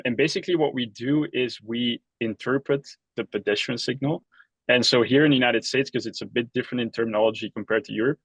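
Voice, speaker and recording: A man's voice: mid-range voice, fairly bright tone, dry recording, low-quality recording. A young man from Belgium, a company co-founder, giving a webinar presentation in a casual way with many fillers and restarts.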